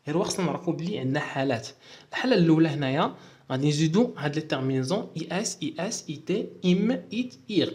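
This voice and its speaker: A man's voice: on the high side, darkish tone. A man with a Moroccan accent explaining French verb endings in a lesson and spelling out endings letter by letter. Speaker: French teacher.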